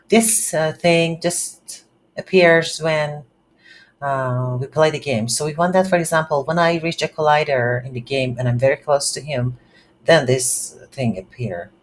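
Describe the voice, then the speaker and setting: Speaking slowly in a mid-range voice, this game development instructor hesitates and thinks aloud in short bursts while narrating an unscripted screen-recorded tutorial. Faint background noise can be heard.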